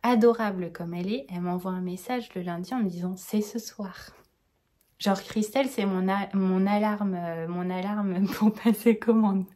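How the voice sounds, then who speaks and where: A woman with a warm, mellow voice hosts a casual knitting chat. She rambles cheerfully, full of enthusiasm. Now and then she drops to a soft whisper. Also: medium pitch, moderate pace. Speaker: knitting podcaster.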